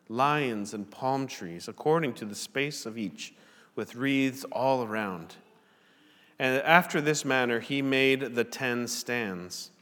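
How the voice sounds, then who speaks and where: Male pastor at a pulpit mic, mid-range voice, steady deliberate reading, big reverberant sanctuary. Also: mid-range voice. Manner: measured, deliberate reading aloud. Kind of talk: sermon with scripture reading. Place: church sanctuary. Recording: long church hall reverb.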